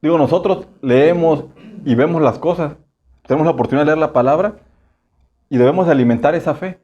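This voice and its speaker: Mexican preacher guy, kinda high voice, keeps going "sí?" at the crowd, acts out little voices. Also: brisk, mellow, muffled recording. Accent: Mexican Spanish. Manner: conversational, asks the congregation frequent rhetorical questions; acts out short voices for humor. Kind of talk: sermon.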